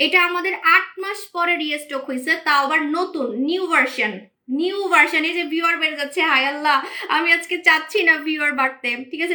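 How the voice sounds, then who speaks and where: A woman runs a live-stream sale from indoors. Her voice sits high and sounds bright and forceful. She hypes each product, repeats herself, and answers viewer comments as she talks. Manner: repetitive, hyped, keeps saying "okay". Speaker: online shop host selling beauty products. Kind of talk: live-stream sales pitch.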